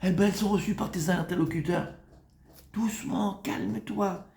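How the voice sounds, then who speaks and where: A rabbi with a high voice teaches an informal Talmud class to a live group. He is familiar and teasing, calls his listeners "Habibi", and swings from loud urging to soft, coaxing tones. The sound has the strong echo of a reverberant room. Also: fast. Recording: echoey room.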